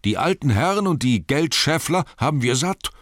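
A clamoring crowd of townsfolk who shout and call out in high, strained cries, acted by a male audiobook reader. The voice rises far above his own deep register. The close, dry recording has no room sound. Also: animated, measured pace, gravelly, dry recording. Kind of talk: audiobook reading.

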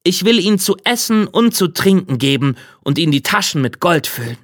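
A man's voice: high voice, big pitch swings, brisk, no echo, studio quality, pitched above the performer's own voice. A man voicing a proud, bold young male turner journeyman in a fairy tale. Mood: eager. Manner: bright, eager and boastful.

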